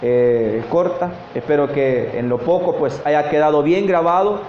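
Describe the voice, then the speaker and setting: A high-voiced man preaches earnestly, calling out to his brethren and answering his own questions. The sound is roomy and a little dull, with faint hiss beneath. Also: unhurried. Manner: earnest, repeats "mis hermanos", asks and answers questions. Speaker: pastor. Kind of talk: sermon. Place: church service, morning.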